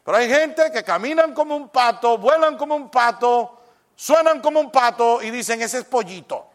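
A man preaching a sermon, lively and conversational, acting out little exchanges and dropping in English phrases. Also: very high-pitched, moderate pace. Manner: animated, acts out little dialogues, mixes in English phrases.

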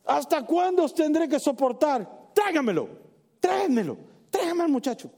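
Brief: a preacher doing an indignant, commanding Jesus, high and lively, in a reverberant hall. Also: male voice, moderate pace, gravelly, heavily acted. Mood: exasperated. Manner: indignant, emphatic questioning. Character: exasperated male Jesus, commanding and incredulous.

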